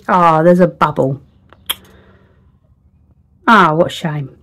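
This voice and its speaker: Slow-talking woman muttering over crafts. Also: low voice, a bit bright. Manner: chatty, thinks aloud, self-deprecating, slips into whispers. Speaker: resin crafter. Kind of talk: casual crafting commentary.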